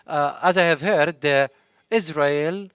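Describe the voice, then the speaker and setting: A man interpreting live at a symposium, halting and full of filler pauses. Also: a little high, fairly bright tone, smooth, no room sound. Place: conference hall.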